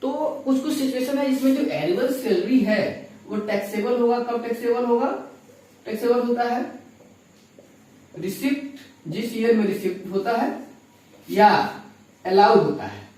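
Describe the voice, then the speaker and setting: A man's voice: very high-pitched, measured pace, mellow, recorded from a distance. Man lecturing in an echoey room. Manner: explaining step by step with questions to students. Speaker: teacher. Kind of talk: classroom lecture.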